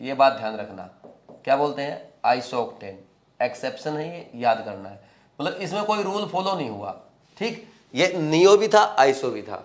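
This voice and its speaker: A man's voice: medium pitch, lively intonation, normal speed. A man teaching chemistry in a lecture, explaining step by step in mixed with English terms and often checking whether students are following. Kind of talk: classroom lecture at a board.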